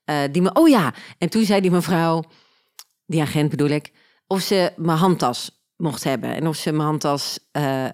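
A woman with a Flemish accent, hosting a podcast and telling a personal story in an animated, sarcastic way. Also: sits low, normal speed. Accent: Flemish Belgian. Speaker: podcast host. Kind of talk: casual storytelling.

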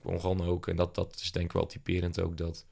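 Man, young adult, entrepreneur guest, very low voice, gravelly, hesitant. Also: completely flat delivery, fast, darkish tone. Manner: hesitant, many fillers and restarts. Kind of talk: casual interview talk.

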